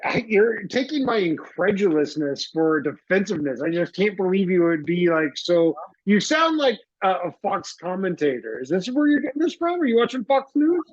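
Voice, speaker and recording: High-voiced incredulous man, dry lo-fi sound. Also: very animated, normal speed, hardly any pauses, no room sound. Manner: incredulous, swearing, laughs often. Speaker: podcast co-host. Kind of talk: casual argumentative chat.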